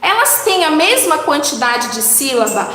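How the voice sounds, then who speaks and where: Woman teacher, high voice, slow patient child-directed delivery, echoey room. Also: big pitch swings, sharp tone. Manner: slow, drawn-out syllables, coaxing questions to children. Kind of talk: children's lesson, slow and sing-song. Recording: echoey room with long reverb.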